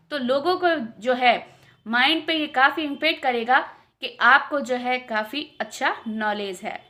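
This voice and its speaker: A woman with an Indian accent teaching English pronunciation, repeating each word slowly several times. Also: sits high, sharp tone. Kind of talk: casual spoken lesson.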